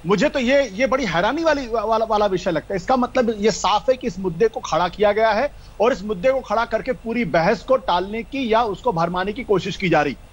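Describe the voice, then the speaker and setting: A man's voice: sits high, a little fast, hardly any pauses, highs cut off. A male panelist in a political debate, arguing through pointed rhetorical questions.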